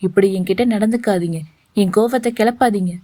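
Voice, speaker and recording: A woman's voice: medium pitch, brisk, dark tone, no room sound, natural voice. A woman voicing a flustered young woman who scolds and pleads, read as part of a story. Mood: indignant. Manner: indignant, pleading.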